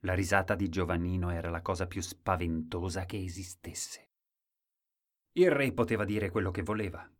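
A man's voice: sits low, normal speed. A man reading a fairy tale aloud in a dramatic, playful way. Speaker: storyteller. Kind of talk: expressive story reading.

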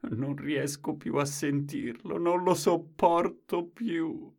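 A man's voice: a little high, fairly even intonation, slow pace, creaky, a little mellow, pitched above the performer's own voice, heavily acted. A man voicing a weary, irritable old grandmother in a read-aloud story, drawn out and pained. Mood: exasperated.

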